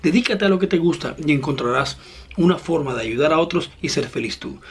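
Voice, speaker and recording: A man giving an online guitar lesson, patient and encouraging, explaining each step slowly and talking straight to the student. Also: fairly high pitch, expressive, a little hiss or hum. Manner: slow, step-by-step instruction. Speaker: guitar teacher. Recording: loud guitar playing behind the voice.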